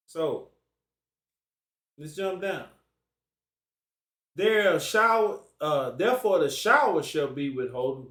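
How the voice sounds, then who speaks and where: A man teaching a Bible study in a casual preaching style, reading scripture aloud and explaining it in loose everyday slang. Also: sits high. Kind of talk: informal Bible study sermon. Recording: echoey room, distant from mic.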